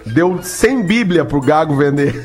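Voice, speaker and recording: A man's voice: on the high side, animated, takes it slowly, over music. A man, co-hosting a live show with playful banter and jokes. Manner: playful, repeats catchphrases. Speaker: radio co-host.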